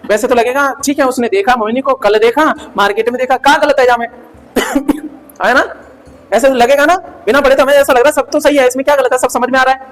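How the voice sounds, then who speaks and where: A male grammar teacher giving an animated classroom lecture, quizzing students with quick questions and jokes. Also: very high-pitched. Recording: hall reverb.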